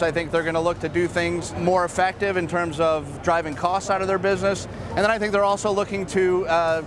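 A man in his fifties, a marketing executive, giving a brisk, upbeat walkthrough of machines at a busy trade fair, with frequent fillers. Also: high voice. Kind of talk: trade show product walkthrough. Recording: clear trade hall ambience behind.

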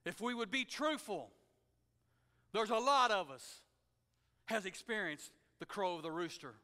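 High, bright preacher. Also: male voice, expressive, unhurried. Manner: folksy and conversational, swelling to shouts. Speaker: pastor. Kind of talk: sermon. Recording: long hall reverb.

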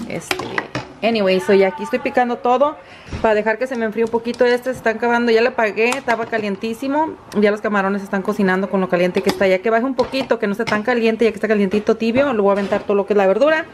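A woman's voice: fairly high pitch, fast talker, noisy background. Chatty woman vlogging. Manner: chatty, switching between Spanish and English. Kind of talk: casual family vlog. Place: home kitchen and restaurants.

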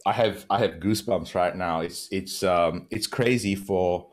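A Bahraini man in his thirties joins a podcast as a guest by video call from home, speaking earnestly in a reflective interview. His low voice is unhurried, and he laughs often and restarts his sentences.

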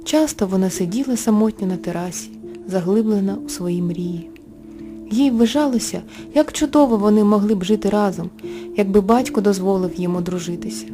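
A woman narrating a bedtime fairy tale in a gentle, expressive storytelling manner. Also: medium pitch, brisk. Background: soft background music.

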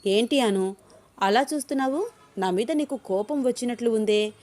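A woman's voice: on the high side, normal speed, darkish tone, natural voice. A woman reading a story, voicing a young man who teases the woman he is falling for. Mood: teasing. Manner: playful, teasing questions. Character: young man, teasing, smitten office boss.

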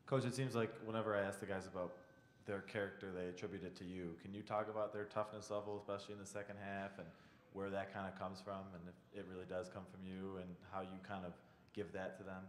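Deep, fast-talking reporter in an echoey hall. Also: male voice, little pitch movement, slight background noise. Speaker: sports reporter. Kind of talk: press conference questions. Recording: echoey hall with faint ambience.

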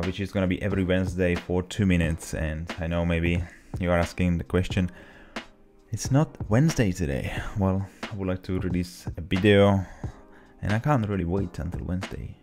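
Talking to camera from a small home office, a young Czech vlogger with a low-pitched voice and a Czech accent relaxes into his story at a moderate pace. His English is slightly broken, and he speaks into a desk mic mounted on a boom arm.

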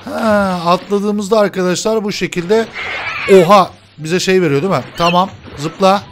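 A young man giving loud, playful let's-play commentary, shouting slangy taunts at the game. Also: high-pitched, normal speed, a little hiss or hum. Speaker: gaming YouTuber.

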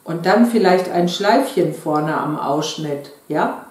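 Delighted gushing wife, read by a woman, slow, echoey. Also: on the low side, animated, a little mellow. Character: gushing middle-aged wife admiring a doll. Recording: very echoey room.

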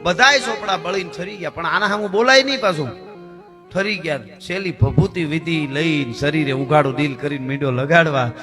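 A man with a Kathiawadi Gujarati accent tells a folk tale in dayro style. He recites in a dramatic, rhythmic way, and his voice sits somewhat high. Guitar music plays clearly behind him. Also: normal speed. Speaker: folk storyteller. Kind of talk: dayro storytelling.

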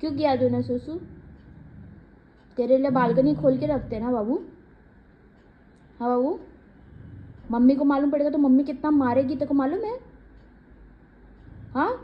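High-voiced woman scolding her dog. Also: darkish tone, muffled recording. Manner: scolding, coaxing, baby talk. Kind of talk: talking to her dog on camera.

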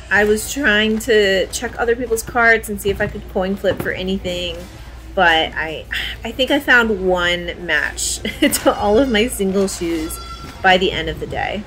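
A woman in her thirties, a thrift reseller vlogger, chats casually with her viewers and calls them "guys." Her voice is medium in pitch and a bit bright. Background noise is clearly audible, with a warehouse ambience.

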